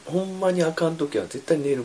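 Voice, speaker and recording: A man's voice: fairly high pitch, animated, a little fast, warm tone. A man with a Kansai Japanese accent in a casual round-table podcast chat. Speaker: podcast panelist.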